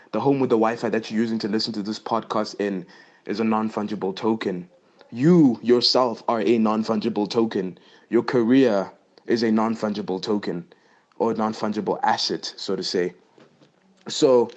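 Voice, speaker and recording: A teenage boy, a little out of breath, rambling impulsively as he explains things in a casual podcast monologue recorded on his phone. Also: on the low side. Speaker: podcast host. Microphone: phone voice note. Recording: dull lo-fi phone voice memo.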